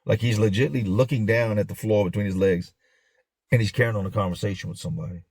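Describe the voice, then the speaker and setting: Gravelly man telling a story. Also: lowish voice, steady tone, fast talker, a little mellow, no room sound, clean studio sound. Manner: blunt street-slang storytelling. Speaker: host. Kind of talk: casual storytelling.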